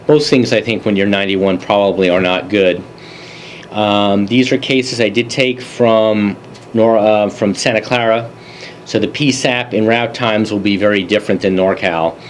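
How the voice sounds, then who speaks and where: A man presenting a continuing education review of emergency calls, relaxed and conversational with dry asides. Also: lowish voice, a little hiss or hum, rough recording. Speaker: EMS medical advisory presenter. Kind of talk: case review lecture.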